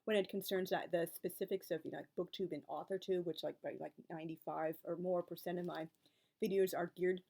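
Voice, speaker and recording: A woman in her forties with a fairly low, dark voice, steady in tone and touched with vocal fry, speaks briskly in a casual vlog about her life as a creator of videos on books and authors. She reflects as she rambles, piling up asides and tangents. When she gets to advice from other people, a wry, exasperated edge comes through.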